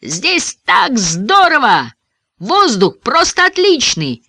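A man's voice: extremely high pitch, wildly swooping pitch, takes it slowly, pushed and bright, dry recording, voice pushed up, heavily acted. A man voicing a joyful young boy who cheers and calls down to his friends, read as a storybook with a dry, close sound. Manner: cheering and calling down.

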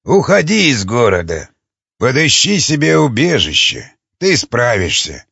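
Man voicing a gruff old cannibal lord. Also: medium pitch, wildly swooping pitch, a little slow, sharp tone, dry recording, full character voice. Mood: grave. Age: older. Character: old weary cannibal leader, gruff, fatherly. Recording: dull lo-fi dry recording.

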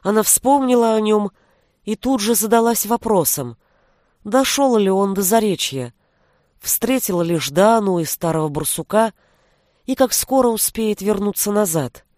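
A woman narrating a fantasy audiobook in an even storytelling voice. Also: mid-range voice, a little slow, no echo, studio quality.

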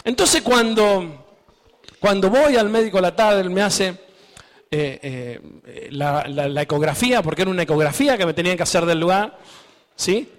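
A man's voice: high voice, expressive, normal speed, long reverb tail. A man with an Argentine accent preaching a personal testimony, telling his story with self-mocking laughs and acting out the voices of others. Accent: Argentine Spanish. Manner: storytelling, laughing at himself, quoting others in raised voice. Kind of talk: sermon testimony.

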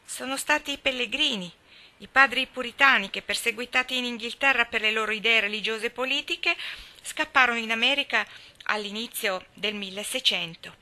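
A woman's voice: fairly high pitch, normal speed, sharp tone, pitched above the performer's own voice. A woman reading aloud and voicing an eager know-it-all young boy in a storybook.

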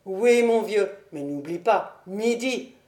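A woman voicing a jovial, generous man who calls out loudly, read for a storybook recording. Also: mid-range voice, animated, slow, echoey room. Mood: hearty. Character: jovial hearty bachelor host, generous man.

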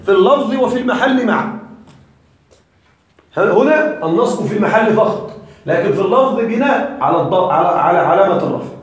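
High-voiced Arabic grammar teacher, echoey room. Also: male voice, fairly quick. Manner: lively, quizzes students with rhetorical questions. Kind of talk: classroom lesson.

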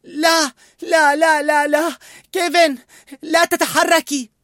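A man voicing an eager, chatty young boy scout in a storybook reading, speaking high, loud and earnest. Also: big pitch swings, fast talker, no room sound, studio quality. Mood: panicked.

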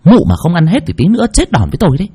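A man's voice: on the low side, sing-song, gravelly, a little mellow, husky, full character voice. A man voicing a cruel, scolding middle-aged daughter-in-law in a ghost story. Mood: spiteful scolding. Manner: scolding, spiteful, rapid-fire.

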